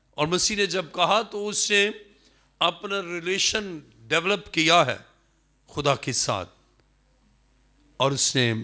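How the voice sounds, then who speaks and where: A man with a Pakistani Urdu accent preaching a sermon, emphatic, acting out the words of people in the story with swings in pitch. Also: sharp tone. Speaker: pastor.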